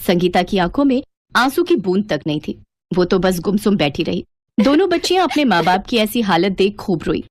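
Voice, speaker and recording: A woman narrating a moral story for a cartoon in a dramatic, expressive way. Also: medium pitch.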